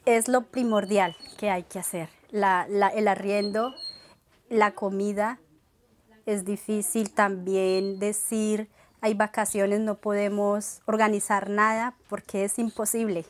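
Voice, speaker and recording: A woman from Colombia with a Colombian Spanish accent, a mother giving an earnest, measured interview testimony with some halting restarts. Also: medium pitch, level tone.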